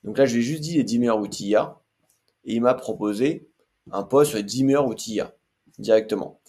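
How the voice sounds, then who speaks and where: A man's voice: mid-range voice, a little fast, warm tone, slightly rough. A man hosting a casual screen-share tutorial, chatty and hesitant with frequent fillers. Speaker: tech tutorial host.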